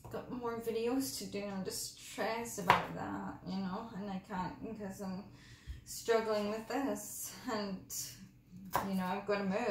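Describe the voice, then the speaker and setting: A woman chatting casually in a cooking vlog in her home kitchen, rambling through asides and talking carefully because of mouth pain. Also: medium pitch. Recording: echoey kitchen with background noise.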